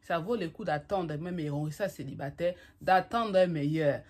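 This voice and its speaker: Speaking at normal speed in a lowish, slightly mellow voice, a woman vlogger talks motivationally to camera about relationships. She repeats herself with emphasis, calls her listener "my lover," and slips English phrases into her French.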